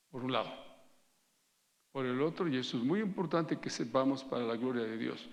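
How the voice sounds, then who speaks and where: A middle-aged man, preaching in a gravelly voice at a middle pitch. He preaches conversationally, tells stories and asks the congregation to answer back. His voice rings with the long reverb of a church hall. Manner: conversational preaching with anecdotes, calls for congregation responses. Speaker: pastor. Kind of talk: sermon.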